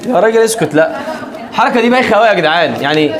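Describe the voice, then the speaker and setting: A man's voice: high-pitched, racing, a crowd in the background. A man with an Egyptian accent teaching a class, joking with students and often checking they keep up. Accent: Egyptian Arabic. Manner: lively, joking, keeps checking if students follow. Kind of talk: classroom lecture.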